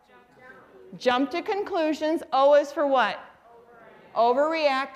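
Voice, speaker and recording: A middle-aged woman teaching a Bible study, with a somewhat high voice. She tells lively stories and keeps asking the group to answer back. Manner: lively storytelling, asks the audience questions. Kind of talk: faith-based teaching talk.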